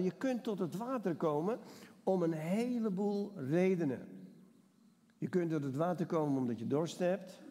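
A man's voice: on the high side, mellow. A man preaching a sermon and reading Bible passages, talking conversationally and putting questions to the congregation. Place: church hall. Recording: long church reverb.

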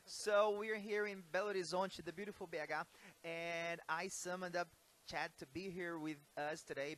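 Man, high voice, playful, faint room sound. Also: fairly bright tone, slight background noise. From Brazil. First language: Portuguese. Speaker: host. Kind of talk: casual video chat. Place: hotel room.

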